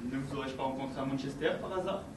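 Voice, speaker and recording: A man's voice: mid-range voice, fast, distant mic, lightly acted. A man acting a stiff, courteous English husband who speaks in a courtly, fussily exact way, in an amateur stage play. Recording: echoey stage from afar, noisy.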